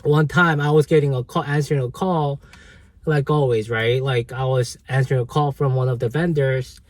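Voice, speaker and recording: A man's voice: mid-range voice, steady tone, normal speed, dry recording. A man casually telling a story from an old job to his viewers, full of fillers, restarts and "right?". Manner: rambling, many fillers and restarts. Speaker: vlogger.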